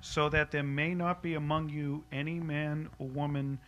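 A man in the congregation reading a scripture passage aloud in a steady, even way, heard from a distance. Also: on the high side, normal speed, muffled recording.

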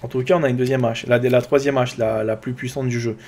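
A man with a French accent doing chatty, excitable let's play commentary, talking to his viewers and to his own character. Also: mid-range voice, quick pace, slight background noise. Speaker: gaming YouTuber.

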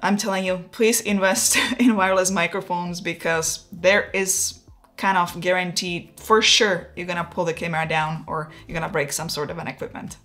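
With soft music in the background, a woman in her forties from the Czech Republic speaks at a moderate pace in a lowish, Czech-accented voice. As a photography YouTuber in a casual talking-head vlog, she's relaxed, chatty, self-deprecating, and gestures with her hands. A wireless lapel mic records her in her indoor home studio.

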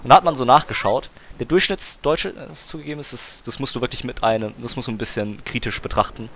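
A man's voice: mid-range voice, fast talker, a bit bright, a little hiss or hum. A young man streaming a game, chatting casually and arguing his point in slangy talk, pushing on through interruptions. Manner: argumentative, slangy, talks over interruptions. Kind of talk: casual chat while gaming.

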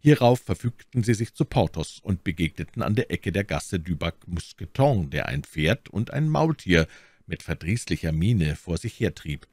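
A man narrating a classic novel as an audiobook reader in a steady storytelling voice. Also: sits low, normal speed, no echo.

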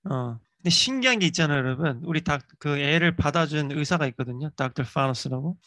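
Middle-aged male English teacher, casual and chatty, slightly high pitch, dry close recording. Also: expressive, bright, forceful tone, no room sound. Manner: chatty, repeats English phrases slowly. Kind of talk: casual lecture.

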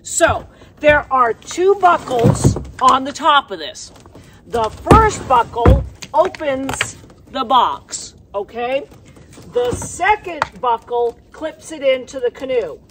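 A high-pitched woman with lively intonation takes her time speaking, with background noise behind her. As a wilderness guide and show host, she shows gear outdoors in the snow and spins a plainspoken, folksy story into a camera mic, sometimes holding it in her hand.

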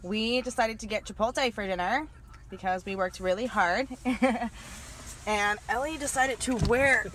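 A woman's voice: a little high, measured pace, a bit bright, a little hiss or hum, low-quality recording. A young woman vlogging in a casual, chatty way and explaining her workout sets. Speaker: fitness vlogger. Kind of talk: casual vlog narration.

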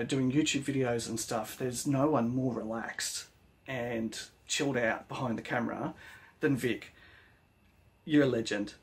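Brief: Aussie bloke vlogging about his workshop, mid-pitched, keen and matey. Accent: Australian. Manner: enthusiastic, slangy praise for fellow makers. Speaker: woodworking vlogger. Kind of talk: casual vlog narration.

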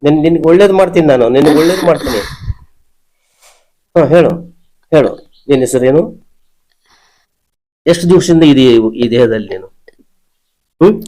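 A man's voice: on the high side, expressive, moderate pace, pauses often, dark tone, low-quality recording. Insistent man, commanding. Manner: insistent, repeats short commands and questions over and over. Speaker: spirit healer questioning a possessed person. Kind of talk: ritual interrogation.

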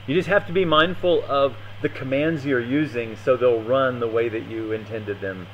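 A man's voice: medium pitch, normal speed, muffled recording, noisy background. A man giving a live coding demo at a meetup, thinking aloud and hesitating often. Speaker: meetup presenter. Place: meetup room.

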